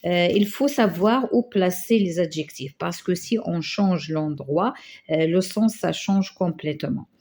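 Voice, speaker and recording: A woman teaching a grammar lesson to schoolchildren, reading out examples slowly and hesitating often. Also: fairly low pitch, darkish tone. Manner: slow, stretches example phrases, frequent hesitations. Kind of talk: grammar lesson correcting exercises.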